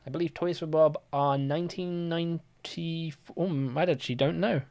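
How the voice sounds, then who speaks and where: A man's voice: a little high, fairly even intonation, moderate pace, gravelly, darkish tone. A young man hosting a live-stream quiz, chatting casually with lots of fillers as he reads and answers viewer comments. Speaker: livestream quiz host.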